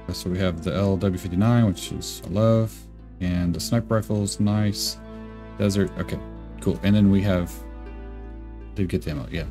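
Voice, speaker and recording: A man with a sick, rough voice, rambling casually and thinking aloud while he plays a game. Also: deep voice. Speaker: gaming YouTuber. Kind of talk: casual gameplay commentary. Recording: game music playing behind. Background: game music.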